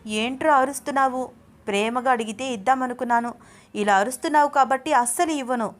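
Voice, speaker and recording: A fiery young wife, played by a woman reading a story aloud. She sits higher and louder than the reader's own voice. She snaps and scolds with a shrill edge. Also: a little fast, natural voice. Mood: scolding. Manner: scolding, shrill when annoyed. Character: young wife, shy but fiery when angry.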